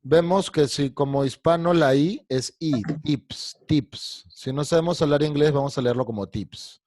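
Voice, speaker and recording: A man teaching an online English pronunciation class over a video call, patiently repeating words and stretching them out slowly with exaggerated sounds. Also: on the high side, a little mellow, no echo.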